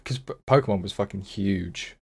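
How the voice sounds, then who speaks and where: Young male guest, easygoing and halting, lower-pitched voice. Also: vocal fry, slightly rough. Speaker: podcast guest. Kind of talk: casual chat.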